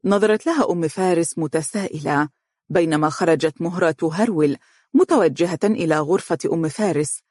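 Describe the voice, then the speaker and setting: Husky, measured male audiobook narrator. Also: on the high side, no echo, studio quality. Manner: steady, measured reading.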